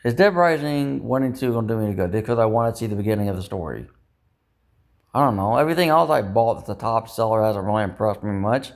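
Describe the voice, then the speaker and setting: This man's voice is on the low side and creaky, with an animated, quick delivery. In a casual, rambling vlog monologue, he ruminates and doubts himself, swearing mildly now and then.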